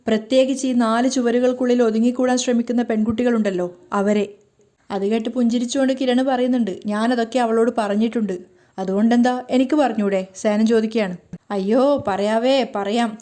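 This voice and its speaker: A woman narrating a recap of a TV serial episode in a steady, colloquial storytelling manner. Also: a little high.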